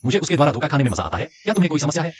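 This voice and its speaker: A man's voice: on the high side, big pitch swings, racing, a little hiss or hum. A man dubbing a wealthy young male lead in a drama, cool, sarcastic and possessive. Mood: cold. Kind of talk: Hindi dubbed TV drama. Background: drama score music.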